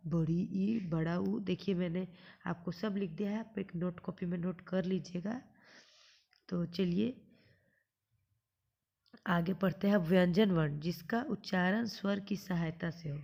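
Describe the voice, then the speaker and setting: Husky low-toned woman teaching a class. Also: steady tone, a little mellow. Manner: patient, asks questions then answers them; draws out sounds slowly when demonstrating. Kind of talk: classroom lesson explaining grammar.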